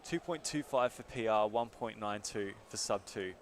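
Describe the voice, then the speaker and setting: A man's voice: on the low side, normal speed, a little hiss or hum. A man commentating a live competition in a chatty, joking way with plenty of slang.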